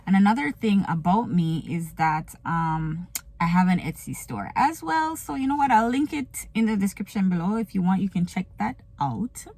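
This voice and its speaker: Raised in Kingston, Jamaica, this vlogger and small business owner chats casually with her viewers from her car in a get-to-know-me talk. Her medium-pitched, slightly mellow voice is expressive at a normal speed, and she laughs often and slips into patois. The recording is dry.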